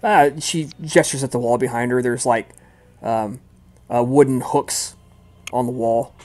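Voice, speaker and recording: A man's voice: mid-range voice, steady tone, a little slow, a little mellow, soft background music. A man narrating a tabletop game as game master in a casual, rambling way, full of fillers.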